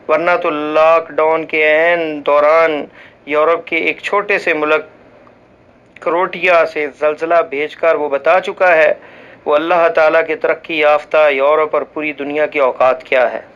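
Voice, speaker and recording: A man reading a written religious ruling aloud in a formal, measured way, reciting Arabic scripture and now and then slipping and restarting a word. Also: fairly high pitch, fairly bright tone, smooth, muffled recording. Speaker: voice-over reader for a religious channel.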